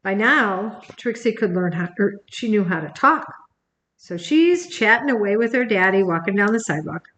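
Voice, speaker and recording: An older woman, a grandmother, reading a picture book aloud on camera and gently talking to her grandchild between pages. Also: mid-range voice, expressive, normal speed, roomy sound. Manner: gentle, talks to the child by name between pages. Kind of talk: recorded bedtime story reading.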